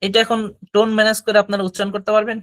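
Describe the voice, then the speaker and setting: A man's voice: high voice, monotone, rapid-fire, fairly bright tone. A man teaching a class about Chinese tones, explaining patiently and modeling syllables for students to repeat.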